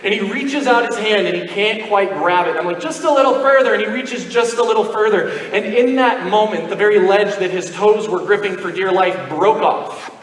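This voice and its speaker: A male pastor telling a long personal story in a sermon, animated and self-mocking. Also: sits high, normal speed. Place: church sanctuary. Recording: echoey hall, mic from far off.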